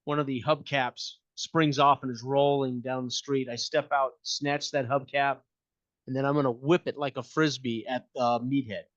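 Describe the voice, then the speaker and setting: A man's voice: mid-range voice, fairly even intonation, moderate pace, a bit bright, no room sound, dull audio. A man playing a tabletop game, casually chatting and describing what his character does.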